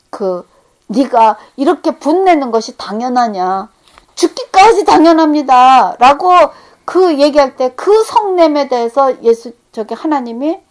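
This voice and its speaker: A middle-aged woman preaching a sermon, earnest, rising to emphatic peaks and then dropping to hushed, quiet tones. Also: fairly high pitch.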